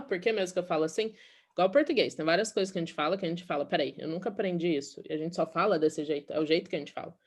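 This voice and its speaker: A woman from Brazil teaching an English class in Portuguese, explaining patiently and often checking in with "okay?". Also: fairly low pitch.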